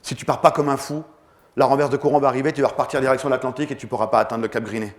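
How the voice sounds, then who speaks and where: A man's voice: mid-range voice, steady tone, rapid-fire, close to an everyday voice. A man voicing a serious swimming coach who gives a grave, insistent warning.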